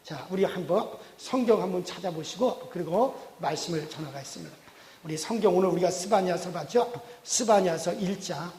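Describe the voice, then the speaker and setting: A male pastor with a fairly high voice preaches in a folksy, storytelling manner. His words hang in a big church with a long reverb tail. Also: expressive, normal speed, darkish tone, a little hiss or hum. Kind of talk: sermon. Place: church sanctuary.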